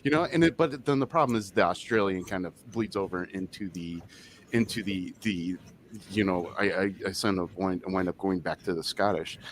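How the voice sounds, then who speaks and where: A man talking as a game master on a casual podcast, animated and restarting often. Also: deep voice, normal speed, slight background noise.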